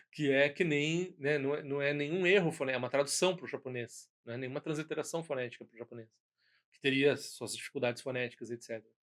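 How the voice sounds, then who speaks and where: A man's voice: mid-range voice, fast, fairly bright tone. Rambling Brazilian man teaching casually. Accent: Brazilian Portuguese. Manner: rambling, many restarts and "né?" tags. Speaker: Buddhist teacher. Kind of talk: informal spoken lesson.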